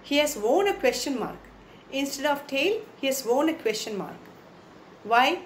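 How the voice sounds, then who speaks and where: High-voiced Indian teacher explaining a poem. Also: female voice, animated, normal speed, reverberant, slight background noise. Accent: Indian English. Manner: explains patiently, repeats lines, asks the class questions. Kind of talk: online class poem explanation.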